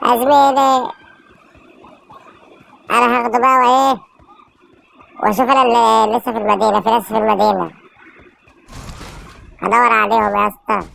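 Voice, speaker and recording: Gravelly Egyptian woman calling game action. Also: fairly high pitch, fairly quick, pauses often, slight background noise. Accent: Egyptian Arabic. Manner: excited, urging teammates, frequent shouted calls. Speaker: gamer streamer. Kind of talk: live gameplay commentary.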